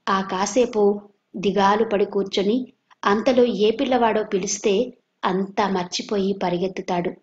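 A woman from Andhra Pradesh, India, narrating a serialized audio novel at a steady, even pace. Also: mid-range voice, a little slow. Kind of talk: storybook narration. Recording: dull lo-fi recording.

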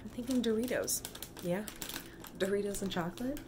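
A woman vlogger with a sick, rough voice, chatting casually and eagerly at home and thinking out loud. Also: medium pitch, brisk. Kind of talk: casual vlog chat. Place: home kitchen. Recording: noisy home recording.

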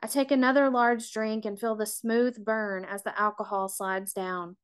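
A middle-aged woman reading her own memoir aloud in a measured, reflective and confessional way. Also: mid-range voice, steady tone, clean tone. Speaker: author.

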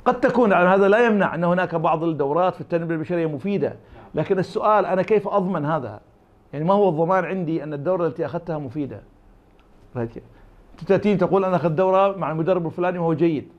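An Iraqi man with an Iraqi Arabic accent answers interview questions as an academic guest, his voice on the high side and rapid-fire, with the highs cut off. He argues his case by acting out imagined back-and-forth dialogues.

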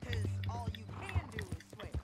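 A woman's voice: high voice, expressive, moderate pace, loud music behind the voice. An actress playing a blunt, sardonic American woman bounty hunter in a western video game. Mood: dry, mocking. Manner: blunt, threatening, dry.

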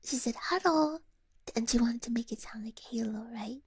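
A woman hosting a livestream, chatting casually in a breathy ASMR whisper with a playful, rambling manner, very close to a binaural microphone. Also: fairly high pitch, little pitch movement, a little fast, darkish tone. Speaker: livestream host.

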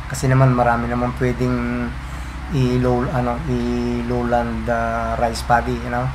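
Slow, halting middle-aged Filipino man. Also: medium pitch, monotone. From Philippines. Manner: slow and halting, mixing English phrases. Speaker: municipal agriculturist. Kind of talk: documentary interview. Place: indoors by a window. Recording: interview with audible background noise.

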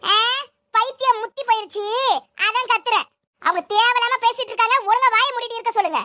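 A woman's voice: very high voice, fast, pushed and bright. A woman playing a young daughter-in-law who is filming a vlog and talks back to her mother-in-law in a comedy sketch. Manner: sugary to the camera, defensive. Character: young vlogging daughter-in-law, sweet then snippy. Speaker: vlogger.

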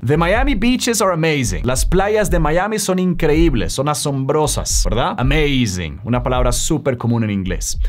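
A man teaching English, with an American accent in the English words and an animated, up-and-down delivery. He drills each phrase slowly and stretches the sounds, then hurries through quick side remarks. Quiet music plays in the background. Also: mid-range voice. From Sweden. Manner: explains phrases step by step, exaggerates pronunciation; lively, shifting pace between slow drills and quick asides. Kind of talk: bilingual language lesson.

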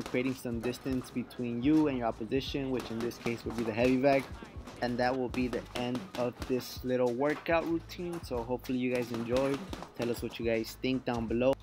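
A man giving a casual, explanatory instructional voice-over as the host of a boxing workout channel, addressing viewers informally. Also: mid-range voice.

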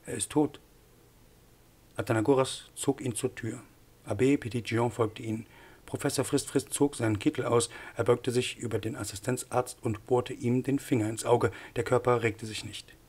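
A man narrating an audiobook in a measured, even way. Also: medium pitch, slightly rough. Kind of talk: scripted narration.

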